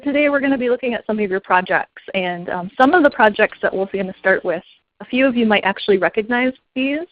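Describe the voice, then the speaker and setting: A woman's voice: medium pitch, no echo. A woman hosting a webinar interview, upbeat and encouraging, talking casually with a few fillers. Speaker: webinar host. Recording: muffled lo-fi online call audio.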